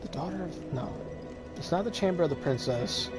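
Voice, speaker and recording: A man's voice: on the high side, expressive. Chatty man rambling over game music. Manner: rambling, filler-heavy, quick chuckles. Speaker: streamer playing a video game. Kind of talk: casual gameplay commentary.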